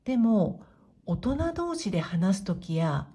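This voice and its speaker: A woman teaching Japanese to beginners in a clear, patient way, modeling pronunciation slowly and encouraging learners. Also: medium pitch, sing-song, dark tone. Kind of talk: slow, clear explanatory lesson.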